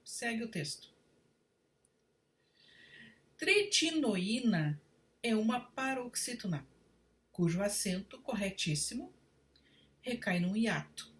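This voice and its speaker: Slow, deliberate woman teaching grammar. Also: medium pitch, very animated, recorded from a distance. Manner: slow, deliberate, spells out rules word by word. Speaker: Portuguese writing teacher. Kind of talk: read-aloud grammar lesson.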